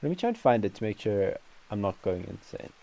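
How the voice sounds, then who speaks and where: A man's voice: lowish voice, sing-song, fairly quick, dark tone. A man chatting casually and joking with friends while playing a game, rambling with lots of fillers. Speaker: gaming channel host. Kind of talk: casual gameplay chat with friends.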